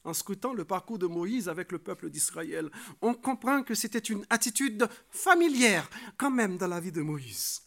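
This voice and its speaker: Preaching a sermon with earnest exhortation, this man speaks at a moderate pace in a creaky, fairly bright voice with lively intonation. He often tags phrases with a questioning "hein" as a filler and raises his pitch and volume to stress key points.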